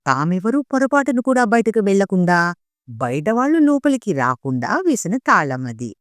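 Woman storyteller, slow dramatic reading, animated voice, dry close sound. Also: medium pitch, no room sound. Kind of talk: reading a short story aloud.

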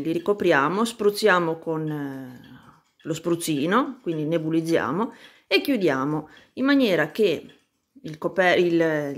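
A woman vlogging casually about her seedlings, pausing often to search for words as she films with a handheld phone. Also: fairly low pitch. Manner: hesitant, searches for words, many fillers. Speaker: plant vlogger. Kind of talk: casual how-to chat.

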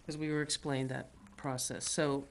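Low-voiced woman organizing at a meeting. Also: level tone, moderate pace. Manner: practical, organizing, thinks aloud with fillers. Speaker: town official at a selectmen meeting. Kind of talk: casual meeting discussion. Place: town meeting room. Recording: faint background noise, broadcast meeting.

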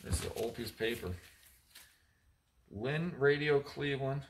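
In an indoor storage area with block walls, a man in his thirties works as an auctioneer, sorting through old items while reading labels aloud and ribbing his crew. His voice sits at a medium pitch and moves at a moderate pace. It's relaxed, casual unboxing commentary.

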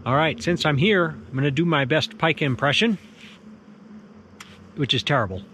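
A wildlife photographer chatting casually in a vlog, relaxed and self-deprecating, out in a rocky field at dusk. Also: male voice, a little high, moderate pace, a little hiss or hum.

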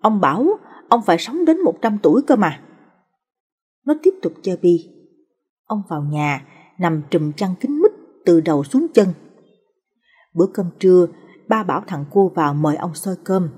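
A woman's voice: on the low side, animated, moderate pace, long pauses, warm tone, husky. A woman narrating a family story in a storytelling style, lightly voicing the characters.

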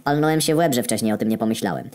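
A man narrating a comedic story in a deadpan, wry tone with frequent swearing. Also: mid-range voice, racing.

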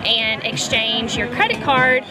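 A woman's voice: fairly high pitch, animated, measured pace, poor audio. A young woman, a market coordinator, speaking upbeat and informative with some ums, outdoors at a market. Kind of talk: promotional interview. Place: outdoor farmers market parking lot. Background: background music.

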